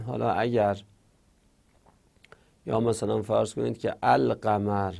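A man's voice: medium pitch, creaky, a little mellow. A man giving a spoken grammar lesson, patiently repeating example words and explaining them step by step. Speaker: teacher.

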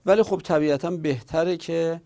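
A man teaching a lecture, explaining slowly and deliberately with frequent hesitations. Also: fairly high pitch, creaky, dark tone. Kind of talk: recorded classroom lecture. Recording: audio from a lecture recording.

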